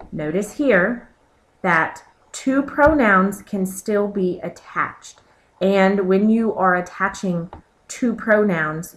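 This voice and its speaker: A woman teacher narrating a recorded slideshow lesson, explaining step by step and pointing to examples on the slides. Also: on the low side. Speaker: Spanish teacher.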